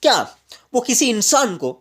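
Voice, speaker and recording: A man from Jammu and Kashmir, a teacher giving an explanatory grammar lecture and repeating each point slowly with English examples. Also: extremely high pitch, very animated, a bit bright.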